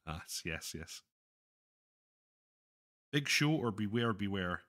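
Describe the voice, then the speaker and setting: A man hosting a live stream, chatting casually with viewers, self-deprecating and halting, with many restarts. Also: on the low side, animated, a bit bright. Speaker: livestream host reading chat.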